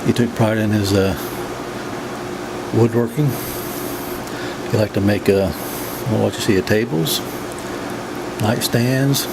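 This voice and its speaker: A man with a fairly low voice talks through a home recipe in a casual, folksy way. He is plain-spoken, and a clear, steady hum of background noise runs under his words in the kitchen. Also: slow pace, long pauses. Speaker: home cooking vlogger. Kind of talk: casual narrated cooking demonstration.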